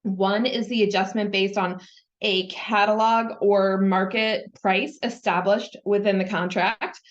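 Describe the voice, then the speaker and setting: A woman's voice: medium pitch, steady tone, measured pace, dull audio. A woman giving a webinar presentation, explaining slide by slide in a conversational way with many fillers. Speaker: presenter on government contract auditing.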